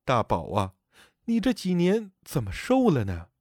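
A man voicing the grieving spirit of a dead elderly mother, speaking softly and sorrowfully. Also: on the high side, sing-song, unhurried, no echo, clean studio sound. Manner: soft, sorrowful pleading.

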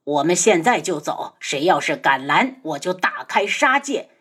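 A fierce male sect leader sneers and threatens in a lowered, scornful voice. A woman narrator does him in a storybook reading with a lively, swinging pitch. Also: normal speed, breathy edge.

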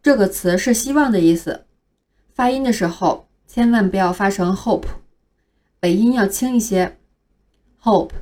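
A woman whose voice is medium-pitched and a little mellow reads a scripted phonics lesson. She teaches English pronunciation by carefully spelling out every word letter by letter at a slow pace.

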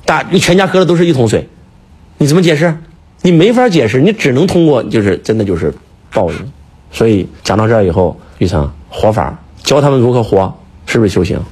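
A man's voice: mid-range voice, big pitch swings, a little fast, darkish tone, husky. A man lecturing in a casual chat, emphatic and full of rhetorical questions, talking to his listener like a teacher. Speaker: speaker, teacher.

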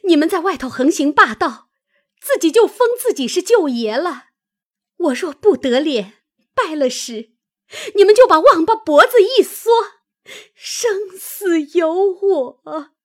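A woman's voice: on the high side, sing-song, measured pace, breathy edge, heavily acted. A woman voicing a proud young maid who scolds sharply and refuses to back down, in a read-aloud classic story. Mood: furious.

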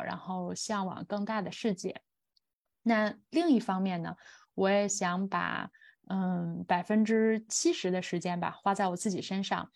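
A woman in her thirties talking reflectively as a podcast co-host, measured and thoughtful, with hesitant pauses. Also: mid-range voice, a little mellow. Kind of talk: reflective personal talk in a podcast.

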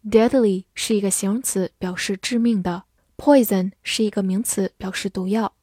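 A woman teaching English vocabulary, spelling out the letters of each word and reading the example sentences slowly, then repeating them. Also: medium pitch, steady tone, mellow, no room sound, clean studio sound. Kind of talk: slow, deliberate vocabulary lesson.

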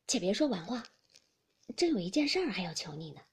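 A woman voicing a gentle, tactful young maid who coaxes and explains softly. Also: mid-range voice, very animated, brisk, slightly rough, full character voice. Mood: coaxing.

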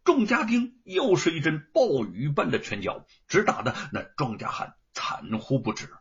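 A male storyteller narrates with dramatic energy, acting out each scene. His voice is husky and sits high, leaping up and down in pitch. The sound is dull and lo-fi. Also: huge pitch swings, moderate pace. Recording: dull lo-fi recording.

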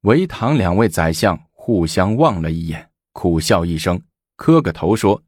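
A man narrating a historical story in an expressive storytelling manner. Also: sits low, measured pace, breathy edge, no room sound, studio quality.

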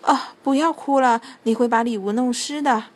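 A woman's voice: a little high, moderate pace, lightly acted. A woman voicing Santa Claus as a kindly old man who calls out heartily in a storybook reading. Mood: grumbling.

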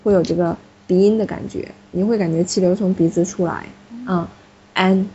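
A woman with a lowish, steady, warm voice teaches French to a class, talking a little fast. She explains step by step and corrects students patiently, and the classroom recording is muffled and slightly noisy.

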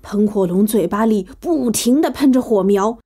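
A woman narrating a children's bedtime story with an animated, playful, expressive delivery. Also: medium pitch, normal speed, a little hiss or hum.

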